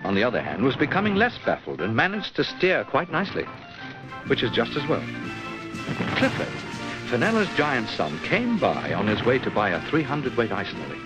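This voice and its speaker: Lively storyteller man. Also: medium pitch, moderate pace. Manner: playful storyteller voicing all the characters. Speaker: narrator. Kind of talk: storybook narration for a children's cartoon. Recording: dull old TV sound with music.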